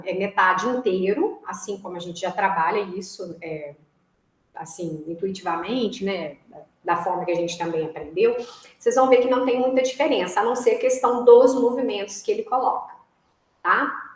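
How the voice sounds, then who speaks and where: Brazilian woman teacher, echoey room. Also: medium pitch. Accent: Brazilian Portuguese. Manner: explanatory, tags phrases with "né?" and "tá?"; chants rhythm syllables to demonstrate beats. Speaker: music teacher. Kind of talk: online music lesson.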